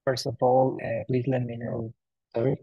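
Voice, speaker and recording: A man giving an online technical presentation over a video call, halting with many fillers and restarts while his voice cuts out on a bad connection. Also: medium pitch, flat delivery, breathy edge. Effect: voice cutting out over a bad call connection. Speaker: tech talk presenter. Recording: dull, lo-fi, dry call audio.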